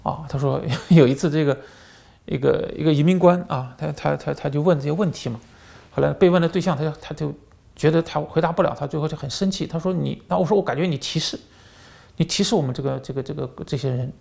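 A man's voice: on the high side, fast, gravelly, darkish tone. A man hosting a commentary channel, telling stories animatedly with lots of fillers and repeated words. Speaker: channel host and former journalist. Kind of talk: political commentary monologue.

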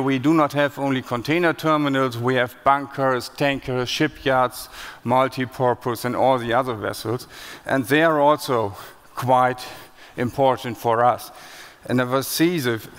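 A man's voice: medium pitch, a bit bright. German-accented man speaking in a hall. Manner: plain-spoken, with frequent hesitations and restarts. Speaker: conference speaker. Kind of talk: conference presentation. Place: large conference hall stage. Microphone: headset. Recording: long hall reverb.

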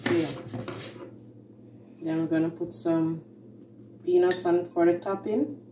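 Heard through a distant mic with slight background noise, a woman speaks in a fairly low, dark-toned voice and a flat delivery. She runs a home cooking channel and, in her roomy kitchen with faint music playing, unhurriedly narrates a casual demonstration step by step, using fillers and plain wording.

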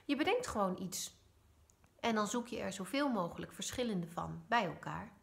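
A woman putting on a cheerful, friendly neighbor man from a storybook who loves to collect things. He talks in a lively, swinging way, pitch bobbing up and down as he explains. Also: moderate pace, gravelly.

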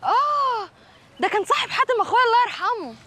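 A naive, quick-talking neighborhood girl. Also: very high voice, sing-song, bright, forceful tone, heavily acted. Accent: Egyptian Arabic. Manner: quick, curious questioning.

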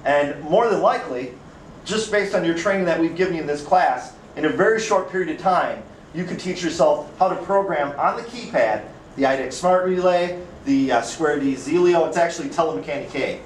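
Man, upper midwest american accent, high voice, casual classroom lecture, roomy and distant. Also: expressive, a little fast, slight background noise. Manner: casual, chatty, asks the class questions. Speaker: instructor. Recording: echoey classroom from far off.

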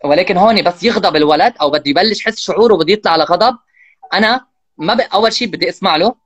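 A man's voice: sits high, no room sound. A man, a parenting guest in an interview, explaining at speed and acting out what parents and children say. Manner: fast, animated, acts out parent and child lines. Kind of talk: casual explanatory interview talk.

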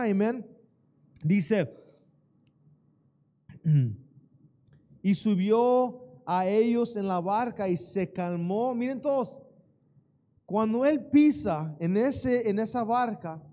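A man preaches a church sermon in a high, bright voice. He takes his time, throwing questions to the congregation and waiting for them to respond. The delivery is that of a pastor at the pulpit. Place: church sanctuary.

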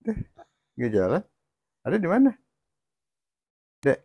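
A man's voice: on the high side, wildly swooping pitch, slow, dark tone, slightly rough, no room sound, lo-fi sound. A middle-aged man, chatting casually while playing an online game with his child and keeps asking questions to guide them along. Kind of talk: casual gameplay chat.

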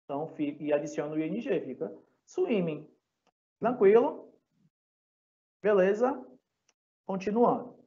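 A man's voice: sits high, expressive, measured pace, pauses often, warm tone, highs cut off. A man with a Brazilian Portuguese accent teaching an English lesson to a class, patiently spelling out letters and checking in constantly to see that students follow. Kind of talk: recorded online class lesson. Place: classroom or home for a live online class.

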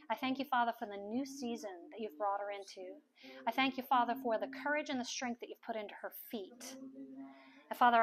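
A middle-aged woman ministering at a house meeting, her voice soft and coaxing as she prays over people. She repeats her phrases gently, at a middle pitch, heard from a camera across a large living room.

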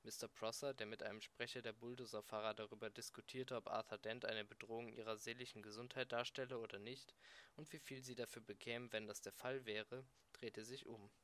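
A man's voice: mid-range voice, flat delivery, fairly quick, fairly bright tone. Man reading an amateur audiobook. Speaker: audiobook reader.

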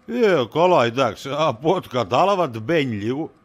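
A man's voice: medium pitch, expressive, natural voice. A man playing a middle-aged friend in a comedy sketch, teasing in a joking way and cagey when questioned. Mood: evasive.

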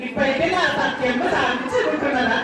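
A woman's voice: high voice, brisk, far from the mic. A woman with a Telangana accent delivering prophecy in a trance, commanding and addressing devotees as her children, over a PA outdoors. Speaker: festival oracle giving prophecy. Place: outdoor hillside temple gathering with large crowd. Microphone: handheld mic over PA, recorded from the crowd. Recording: echoing PA from afar, crowd noise.

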